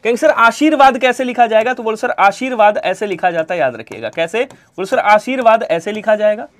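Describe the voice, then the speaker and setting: Hindi teacher drilling exam spelling. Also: male voice, high voice, animated, brisk. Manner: repeats answers in imagined student replies, drops to quiet trailing endings. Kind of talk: online exam-prep class.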